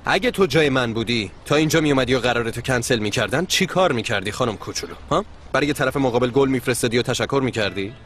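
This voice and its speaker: A man's voice: medium pitch, expressive, hardly any pauses, a bit bright, a little hiss or hum, lightly acted. An actor dubbing a brusque, short-tempered young male boss in a TV drama, irritable and sarcastic. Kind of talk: dubbed TV drama acting.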